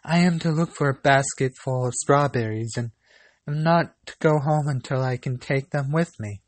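Man voicing a timid young girl, pleading, pitched up, storybook reading, dry sound. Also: normal speed, dry recording, natural voice. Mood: plaintive. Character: poor young stepdaughter, gentle and obedient.

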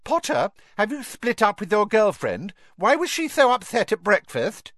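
A man voicing a spiteful teenage schoolgirl who taunts loudly, in a storybook reading. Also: high-pitched, sing-song, moderate pace, dry recording, clean studio sound, voice pushed up, exaggerated voice. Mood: taunting.

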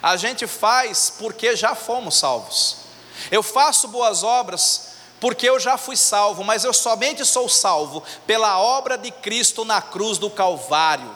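Pastor, male, high bright voice, preaching with storytelling, echoey church hall. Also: lively intonation, slow pace. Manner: preaching, acts out quoted voices in a low hush. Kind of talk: sermon with storytelling. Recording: echoey hall with faint ambience.

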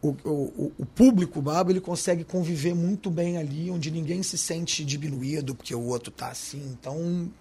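A man's voice: fairly high pitch, moderate pace, few pauses, mellow, husky. A man with a Carioca accent, a restaurant owner talking in an interview, slangy and emphatic. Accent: Carioca Portuguese. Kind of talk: podcast interview.

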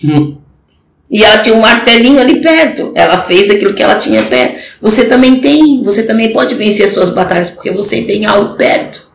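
Gravelly woman preaching in an echoey room. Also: mid-range voice, very animated, brisk, a little hiss or hum. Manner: earnest, exhorting, addresses the listener directly. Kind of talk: sermon on a live stream. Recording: echoey room with faint ambience.

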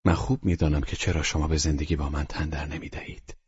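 A man voicing an aging male doctor, earnest and gentle, who speaks softly and often drops to a hushed whisper in this storybook reading. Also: rumbling low, level tone, breathy edge, no room sound, lo-fi sound, exaggerated voice.

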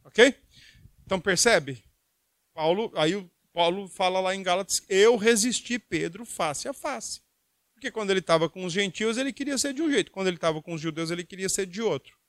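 High-voiced preacher, dry sound. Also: male voice, quick pace, fairly bright tone, no echo. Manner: reads Bible verses aloud, asks the listeners rhetorical questions. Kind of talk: sermon.

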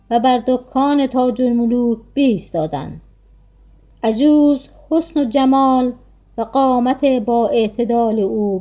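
A woman reading a classic tale aloud as a storyteller, with a measured, formal delivery. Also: high-pitched, dark tone.

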